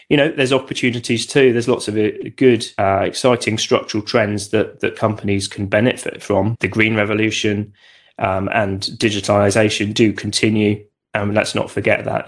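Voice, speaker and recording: A man with a fairly low voice gives conversational expert commentary. He phrases things in a measured, somewhat hesitant way, repeating words as he goes. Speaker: investment expert guest.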